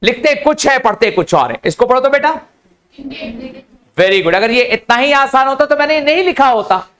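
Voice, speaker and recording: एक पुरुष शिक्षक जो कोचिंग क्लास में छात्रों को "बेटा" कहकर समझाते हुए अंग्रेज़ी पढ़ा रहे हैं।. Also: male voice, extremely high pitch, moderate pace. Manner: addresses students as beta, lively and coaxing. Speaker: English teacher. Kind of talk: classroom lecture. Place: coaching classroom.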